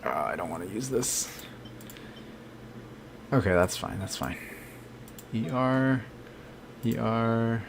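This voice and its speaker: A man's voice: mid-range voice, takes it slowly, creaky, pauses often, background noise. A man streaming a game, thinking aloud casually and answering chat questions. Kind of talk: live gameplay commentary.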